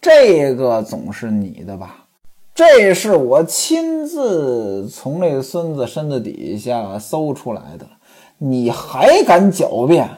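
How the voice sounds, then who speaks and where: Brief: woman doing a domineering rich man, harsh and accusing, husky, mellow tone, pitch swinging widely. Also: huge pitch swings, slow, exaggerated voice. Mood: menacing. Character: angry domineering wealthy man interrogating.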